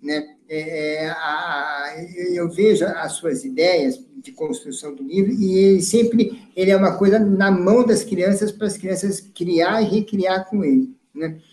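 A man's voice: high voice, a little slow, hardly any pauses, a little mellow. Interviewer man in a roomy space. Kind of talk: interview questions.

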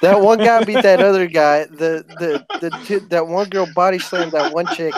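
Male co-host, slightly high voice, loose and informal sports talk. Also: normal speed, a crowd in the background. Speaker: podcast co-host. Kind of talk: casual sports chat.

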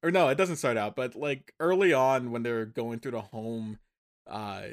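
A medium-pitched man talks at a moderate pace as a podcast co-host, recapping a film in casual chat. He rambles, corrects himself along the way, and laughs often.

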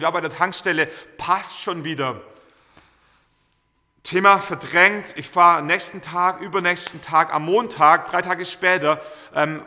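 Bright-voiced preacher in a hall. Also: male voice, high voice. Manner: lively anecdotal storytelling with many fillers. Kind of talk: storytelling sermon. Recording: reverberant hall.

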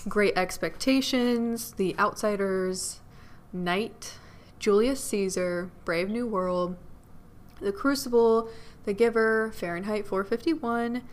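Relaxed young woman podcast co-host. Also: medium pitch, slow pace. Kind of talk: casual chat.

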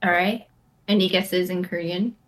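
A woman's voice: on the low side, steady tone, moderate pace. A woman hosting a casual chat and teaching Korean sounds, laughing often and teasing.

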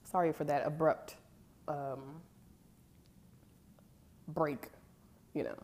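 A woman's voice: low-pitched, fairly even intonation, takes it slowly, darkish tone. A woman in her thirties telling a personal story in a rambling, casual way, often restarting her sentences. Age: 30s. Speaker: vlogger.

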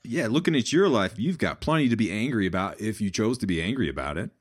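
A man's voice: fairly low pitch, expressive, fast, breathy edge. A man hosting a casual interview, chiming in agreeably with short replies. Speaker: host.

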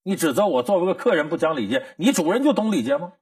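Guy doing a cheeky clever little boy snapping back, husky voice, pitch jumping all over. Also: big pitch swings, fast talker, a little mellow. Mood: indignant. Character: clever, sharp-tongued ten-year-old boy retorting.

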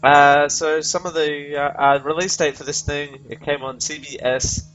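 A man's voice: a little high, level tone, moderate pace, a bit bright, highs cut off. A man hosting a casual film review, rambling and correcting himself as he talks to his audience. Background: faint background music.

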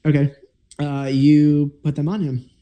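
A man running a tabletop game as game master, relaxed and rambling, with many fillers. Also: on the high side, a little slow.

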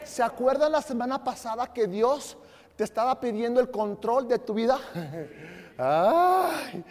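High-voiced Mexican pastor preaching fervently. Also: male voice, animated, measured pace. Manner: fervent, shifts from soft asides to shouted emphasis, jokes with the congregation. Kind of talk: sermon. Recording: long hall reverb.

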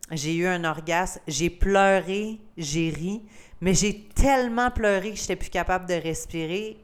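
A woman's voice: low voice, smooth. A young woman from Gaspésie with a Québécois accent, hosting a podcast and telling a personal story in a candid, emotional way, with English words mixed into her French. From Gaspésie, Quebec, Canada. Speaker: podcast host.

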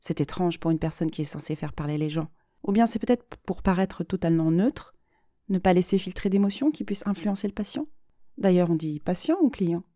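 Woman narrator, storybook reading, steady and expressive, low warm voice, dry close mic. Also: brisk, dry recording. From France. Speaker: podcast host and reader.

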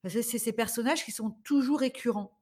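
Une femme d'âge mûr, invitée d'un podcast, parle de livres de façon décousue, avec beaucoup d'hésitations. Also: female voice, on the high side, fairly quick, warm tone. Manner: rambling, hesitant, full of fillers. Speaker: guest, the host's mother. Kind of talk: casual podcast chat about books.

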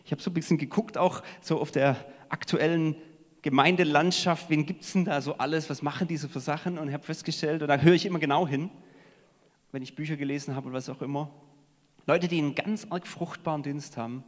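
A man preaching a sermon in a conversational way, swinging between emphatic stresses and hushed asides. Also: a little high, steady tone, fairly quick. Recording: long hall reverb.

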